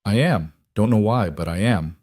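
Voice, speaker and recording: A man's voice: lowish voice, normal speed, a little mellow, no room sound, clean studio sound, lightly acted. A man playing a stern, ruthless cattle baron who talks in clipped, curt sentences.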